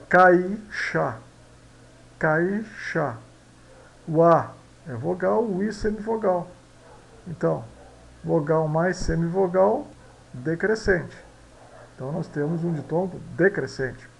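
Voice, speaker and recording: A man teaches language basics in a patient, repetitive way, often checking in with short tag questions. His voice sits a little high and carries a gravelly, creaky texture. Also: a little mellow, rough recording. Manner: explanatory, frequent tag questions, slow and repetitive. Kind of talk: explaining Portuguese phonology exercises.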